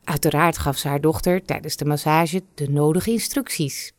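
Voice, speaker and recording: A woman narrating a fairy tale in a slow, measured storytelling voice. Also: low voice, dry recording.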